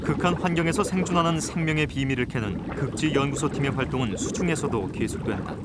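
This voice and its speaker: A man reading scripted nature documentary narration in a measured, formal broadcast style. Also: medium pitch, very noisy. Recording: loud music bed under voice. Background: prominent background music.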